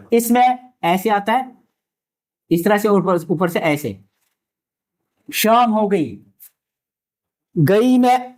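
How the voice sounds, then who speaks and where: A man teaching Urdu script in a classroom lecture, patient and repetitive, spelling letters out slowly. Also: high-pitched, darkish tone. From India.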